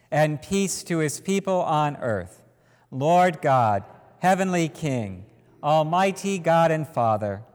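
A man, a priest leading a church service, praying in a slow, measured, solemn intoning voice, heard with a cathedral echo. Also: on the high side. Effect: cathedral echo, long reverb of a large church. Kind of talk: liturgical prayer. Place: large church. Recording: long echoing church reverb.

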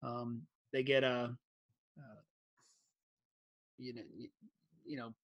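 A man's voice: mid-range voice, little pitch movement, takes it slowly, lo-fi sound. Rambling sports podcast host, man. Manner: rambling, many fillers and restarts. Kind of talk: casual sports talk.

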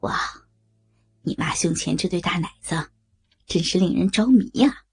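Gravelly sneering male criminal, as a woman puts him on. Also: lively intonation, normal speed, full character voice. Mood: sneering, menacing. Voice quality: gravelly, raspy. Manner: sneering, gloating, low hissing delivery. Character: menacing, leering male criminal. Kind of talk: audio drama reading.

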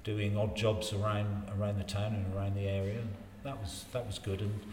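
A man's voice: lowish voice, little pitch movement, a little mellow. Older man in an echoey room. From Wiltshire, England. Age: 60s. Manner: rambling, repeats phrases, halting. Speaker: interview guest in local politics. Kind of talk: casual life-story reminiscing. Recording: roomy reverberant space, faint background noise.

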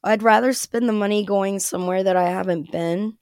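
A woman's voice: mid-range voice, fairly quick, darkish tone, dry recording. Midwest lady telling stories, chatty, dry close sound. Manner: chatty, laughs often while telling stories. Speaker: guest. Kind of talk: casual chat.

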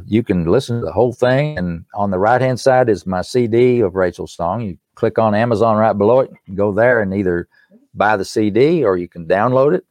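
A man's voice: lowish voice, a little mellow, dry recording, studio quality. An older man with an East Tennessee accent, explaining things in a folksy, earnest conversational way as an interview guest. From East Tennessee, United States. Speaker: musician and author, interview guest. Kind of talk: conversational promotional talk.

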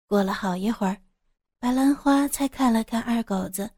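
A woman narrating a serialized audio story with a calm, steady, descriptive reading. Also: a little high, normal speed, no echo, clean studio sound.

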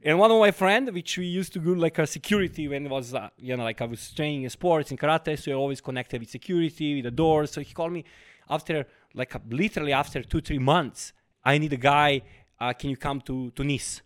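A man, a guest entrepreneur telling his life story in a casual interview, animated and quoting himself often. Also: a little high, fairly quick. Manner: animated, quotes himself often, frequent fillers.

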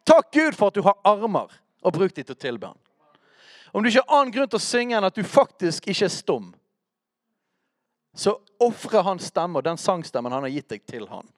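A man preaching a teaching sermon in a conversational way, speaking straight to his listeners and checking in with quick questions. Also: high-pitched, very animated, dry recording, clean studio sound.

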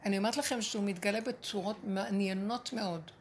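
A woman's voice: mid-range voice, a little hiss or hum. A woman giving a spiritual lesson to a group, talking emphatically and acting out prayers and dialogue. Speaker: spiritual teacher.

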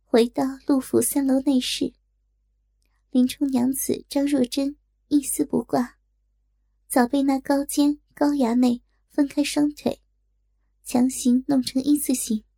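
Brief: woman narrator, high and slow, gravelly edge, dark tone, dry close sound. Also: flat delivery, no echo. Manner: slow, deliberate storytelling. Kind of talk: scripted story narration.

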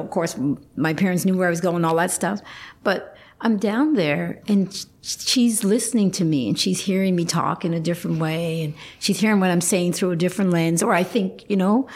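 A woman's voice: fairly low pitch, a little mellow. A middle-aged woman talking casually and reflectively, often checking in with a "right?" at the end of phrases.

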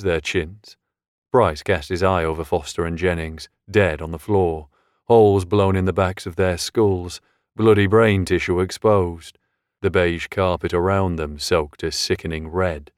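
A man reading a crime thriller audiobook in a measured, steady way. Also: low-pitched, no room sound, clean studio sound. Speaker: audiobook narrator. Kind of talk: scripted audiobook narration.

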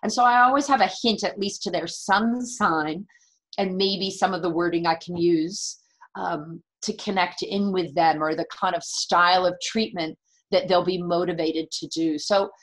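A woman speaks as an interview guest in a slightly low voice. She explains things earnestly and conversationally, repeating key words for emphasis. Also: normal speed, a bit bright. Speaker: interview guest, natural medicine practitioner and medical astrologer.

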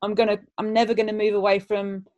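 A woman's voice: medium pitch, level tone, darkish tone, muffled recording. A woman speaking reflectively in a casual conversation, hesitant and restarting her sentences often. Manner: hesitant, halting, frequent restarts.

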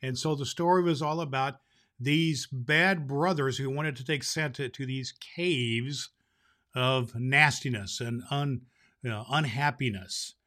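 A man playing a jolly old Santa Claus who hosts a show and reads a Christmas story aloud, with booming ho-ho laughs. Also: measured pace, sharp tone. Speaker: host. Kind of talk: storytelling podcast.

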